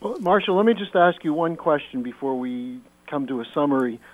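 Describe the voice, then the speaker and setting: A male radio host asking a guest measured, lengthy questions. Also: a little high, animated. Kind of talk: radio interview. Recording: tinny phone-like radio line.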